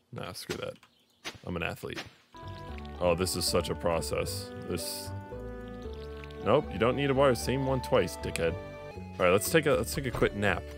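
A young man giving casual gameplay commentary, crude and sarcastic, swearing often. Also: sits low. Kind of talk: casual let's-play commentary.

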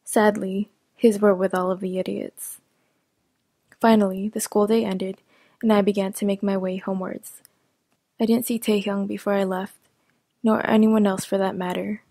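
Woman reading fiction in a flat voice. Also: medium pitch, moderate pace, creaky, no room sound. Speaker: narrator. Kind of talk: first-person audio fiction reading.

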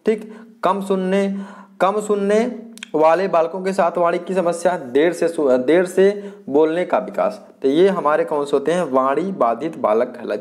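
A male teacher giving an exam-prep lecture. He repeats his points, asks the class questions and answers them himself, and often hesitates and restarts. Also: high-pitched.

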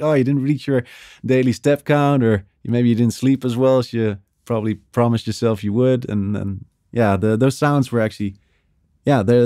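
A man's voice: lowish voice, mellow, no room sound, studio quality. A man speaking as a guest in a podcast interview, explaining his work enthusiastically and acting out little sound examples with his voice. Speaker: strategy director at a music agency, podcast guest. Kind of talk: casual interview talk.

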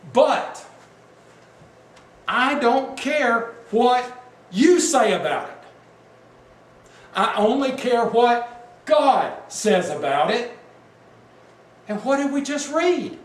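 High-pitched guy preaching slow, asks the crowd stuff, echoey room, kinda far from the mic. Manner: emphatic, asks the congregation questions. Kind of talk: sermon. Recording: echoey room, mic at a distance, faint background noise.

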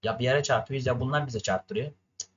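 A man's voice: mid-range voice, quick pace, a bit bright, breathy edge, highs cut off. A young man from Turkey commentating his racing game for viewers, ranting and cursing at it in frustration. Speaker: gaming streamer. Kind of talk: gameplay commentary.

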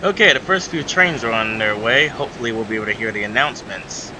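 A young adult man who mods games as a hobby talks fast at a medium pitch while giving an informal, step-by-step screen tutorial. His explanations come out somewhat hesitantly, and background noise is audible.

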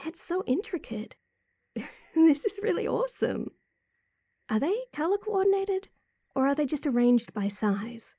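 Her voice is high, warm, very animated and exaggerated, a little slow with long pauses, captured close and dry in clean studio sound with no room tone. Playing a sweet, teasing, supportive girlfriend in an intimate audio drama, she speaks fondly to the listener, impressed and excited, with breathy chuckles and sighs.

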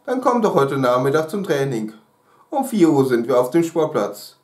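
A man voicing a brisk male teacher in a read-aloud story, inviting and direct. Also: medium pitch, sing-song, darkish tone, close to an everyday voice. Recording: roomy echo.

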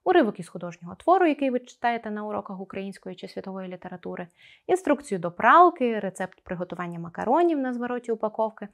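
Lively, expressive woman teacher. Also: medium pitch, fast talker. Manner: careful, articulated pronunciation of sounds; expressive, explaining to pupils. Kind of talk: scripted video lesson.

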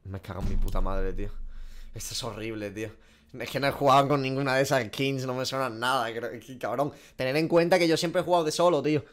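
Speaking fast in a mid-range voice, this young streamer from Spain has a Spanish accent and swears constantly. He guesses game skins from a small room, staying animated and poking fun at himself as he goes.

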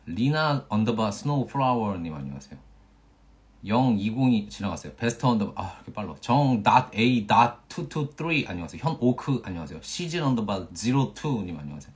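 Young guy on a phone livestream reading fan names, kinda low voice, pitch jumps around a lot, goofy. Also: big pitch swings, a little fast. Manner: playful, stumbles over usernames and jokes about them. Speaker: actor hosting a fan livestream. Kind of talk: casual livestream chat, reading viewer usernames.

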